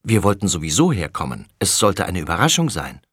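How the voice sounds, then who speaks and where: Ein Mann, der in einem Hörbuch einen erleichterten, sanften Vater spricht, zügig und ernst. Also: male voice, low voice, wildly swooping pitch, brisk, a bit bright, slightly rough, no room sound, clean studio sound, full character voice. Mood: earnest. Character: relieved, gentle father.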